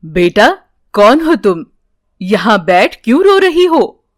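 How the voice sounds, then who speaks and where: A calm, kindly old holy man, as a woman reading the story puts him on, speaking gently to comfort a frightened child. The voice is pushed lower than the reader's own but stays light, and every phrase comes slowly and soothingly. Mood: concerned. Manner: soothing, reassuring, unhurried. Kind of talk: storybook character voice.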